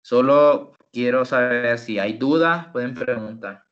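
A man tutoring English online, slowly explaining and drilling example phrases. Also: medium pitch. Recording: dull lo-fi online call audio.

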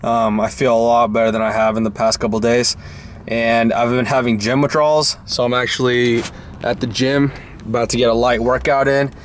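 A man's voice: medium pitch, slight background noise. A man in his twenties talks casually into a handheld camera as a vlogger. His mouth is slightly swollen after wisdom teeth removal, and he speaks in an everyday diary style. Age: 20s. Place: parked car, driveway and bedroom. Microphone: handheld camera at arm's length.

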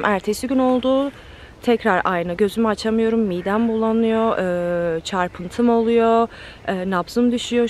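A woman's voice: fairly high pitch, a little hiss or hum. Candid young woman telling her story. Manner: candid, animated, with many fillers and restarts. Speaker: vlogger. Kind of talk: personal storytelling to camera.

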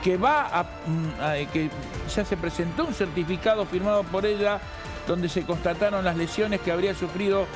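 A man on a TV news panel, talking insistently and cutting in on others. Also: high voice. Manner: insistent, interrupting. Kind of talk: TV panel discussion. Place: TV studio.

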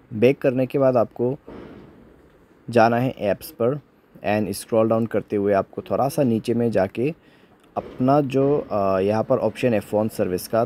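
A tech tutorial host from India walks through phone troubleshooting step by step in an instructional voice-over. He has a warm tone and a medium pitch.

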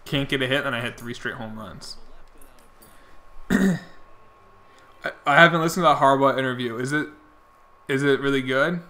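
With a mid-range voice, a sharp tone, and long pauses at a moderate pace, a young man chats loosely while playing a baseball video game on stream. He answers viewers as his voice grows tired and starts to go.

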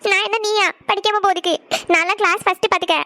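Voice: extremely high pitch, fairly even intonation, fast, vocal fry, pushed and bright, no echo, heavily acted. A performer voicing a moody teenage college girl who snaps back at her younger sister. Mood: sulky. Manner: snappish, sulky replies.

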